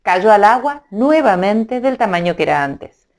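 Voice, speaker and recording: A woman narrating a children's storybook in an animated, playful way, adding sound effects. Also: mid-range voice, unhurried.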